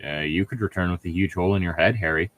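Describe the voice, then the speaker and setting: Recorded dry, a low-pitched man with a fairly bright tone talks fast while reading fan fiction aloud as a co-host. His narration is interrupted by mocking asides that are sarcastic, sweary, and irreverent.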